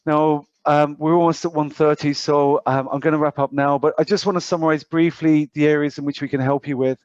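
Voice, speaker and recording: A British man with a slightly high, slightly mellow voice presents informally to clients as a financial advisor over an online call, explaining hesitantly with hedged asides. The recording is dry, and the call audio sounds dull and muffled.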